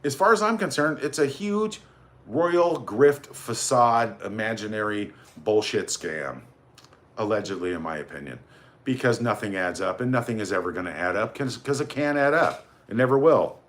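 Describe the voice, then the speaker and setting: A man's voice: animated, moderate pace. Sarcastic man hosting a livestream. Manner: sarcastic, mocking; swings between loud outbursts and low mutters. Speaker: livestream host. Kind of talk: casual livestream chat.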